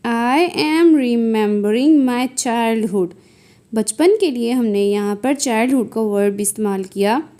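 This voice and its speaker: Slow, mellow-voiced woman teaching English. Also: on the high side. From South Asia. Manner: reads example sentences slowly and clearly. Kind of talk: spoken English lesson.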